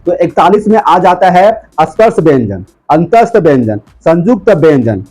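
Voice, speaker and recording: A man teaching a grammar lesson, asking his viewers questions and answering them himself, slowing down to dictate notes. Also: fairly high pitch, big pitch swings, mellow, rough recording. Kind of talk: classroom lesson.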